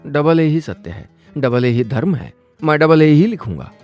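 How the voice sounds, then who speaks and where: A man's voice: fairly high pitch, lively intonation, moderate pace, a little mellow, faint music behind, natural voice. A man voicing a meek, anxious young male job seeker who answers politely and hesitantly.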